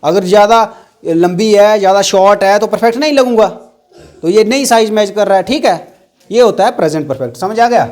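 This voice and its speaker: High-voiced male grammar teacher. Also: animated, fairly quick, darkish tone. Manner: asks the class questions and repeats key words. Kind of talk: classroom teaching in Hindi.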